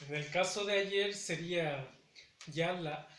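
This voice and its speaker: A man's voice: on the high side, slow pace, a bit bright, echoey room, a little hiss or hum. A man teaching a language lesson, carefully repeating each word with hesitant fillers between phrases. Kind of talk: slow spoken language lesson.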